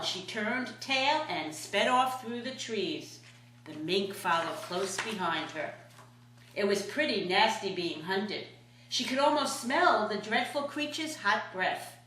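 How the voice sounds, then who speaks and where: A woman's voice: mid-range voice, fairly bright tone. A sweet older woman, a grandmother, reading a children's storybook aloud expressively. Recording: echoey room.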